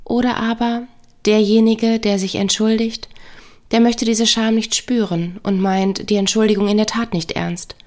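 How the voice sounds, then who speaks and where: A woman who works as a counselor and couple therapist, talking calmly and reflectively in a podcast monologue. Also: medium pitch. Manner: calm, measured, reflective.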